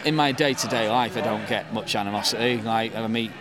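Chatty Mancunian man in his thirties, somewhat low voice, interviewed outdoors over a loud crowd. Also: brisk. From England. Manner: chatty, with frequent restarts and ums. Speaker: football fan interviewee. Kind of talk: casual interview. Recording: crowd noise behind.

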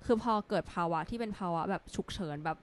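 A young adult woman who is a doctor, co-hosting a casual health podcast and explaining things in a measured way with frequent affirming fillers. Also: medium pitch.

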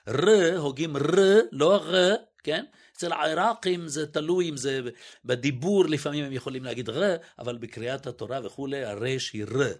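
A man speaking as a guest linguist in an interview, methodically demonstrating each sound aloud and sometimes hesitating and correcting himself. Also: medium pitch. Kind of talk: explanatory interview talk.

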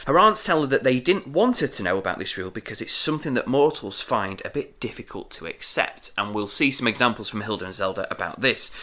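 A man co-hosting a podcast, recapping a TV episode in casual chat with lively, giggly, loose storytelling. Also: mid-range voice, fast, few pauses. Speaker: podcast co-host.

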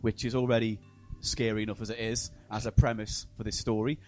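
A man's voice: lowish voice, level tone, a little fast. A man hosting a comedy podcast, upbeat and laughing often. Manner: upbeat, laughs a lot, runs the segments. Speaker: podcast host. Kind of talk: comedic banter.

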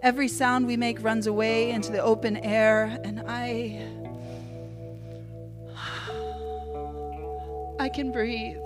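A woman's voice: on the high side, level tone, normal speed, hardly any pauses, big-room sound, over loud music. A woman from the United States telling a personal story live in a wry, self-deprecating way that halts at tender moments.

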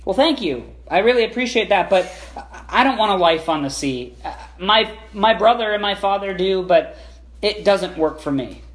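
A restless young woman working a ship for her father, polite and soft-spoken, in a high, light voice as a man puts her on. Her talk is gentle and a little wistful, like a tabletop role-play character. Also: lively intonation, moderate pace.

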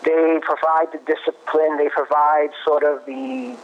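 A man explaining parenting research in a conversational way, pausing and restarting as he thinks. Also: fairly high pitch, flat delivery. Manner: thoughtful, restarts often, cites research. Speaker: guest expert on parenting. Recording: muffled lo-fi audio.

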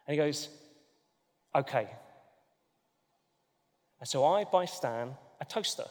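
Male pastor, earnest storyteller, slightly high voice, long reverb of a church hall. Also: lively intonation, slow, a little mellow. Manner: storytelling, earnest, builds to emphatic points. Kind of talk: sermon.

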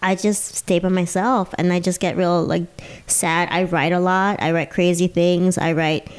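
A woman's voice: on the low side, flat delivery, normal speed, smooth. A woman with a Valley Girl accent talking as a podcast guest, in casual confessional chat full of "like" and "you know". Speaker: podcast guest, stand-up comedian.

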